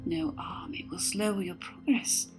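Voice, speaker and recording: A woman's voice: mid-range voice, animated, unhurried, soft background music, close to an everyday voice, low-quality recording. Hecate, a woman doing a whispering witch. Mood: sinister. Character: cruel scheming female witch advisor, ancient.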